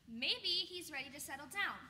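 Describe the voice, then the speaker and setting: A woman's voice: sits high, expressive, normal speed, bright, forceful tone, exaggerated voice. A woman playing a timid, flustered young maid. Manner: hesitant, flustered. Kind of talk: amateur stage acting. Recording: echoey stage recording with faint hiss.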